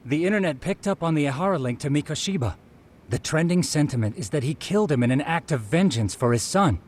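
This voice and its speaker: A man's voice: a little high, lively intonation, quick pace, a little mellow, a little hiss or hum, natural voice. A man voicing a polite, nerdy male internet sleuth in a video game, with a wordy, precise way of talking. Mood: informative. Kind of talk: English video game voice acting.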